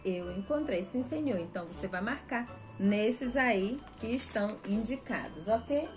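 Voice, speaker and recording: A woman's voice: mid-range voice, animated, faint music behind. A Brazilian woman teacher patiently walking young pupils through a worksheet, step by step and repeating herself. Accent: Brazilian Portuguese. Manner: patient, repetitive, slow step-by-step explaining. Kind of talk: remote first-grade lesson walkthrough.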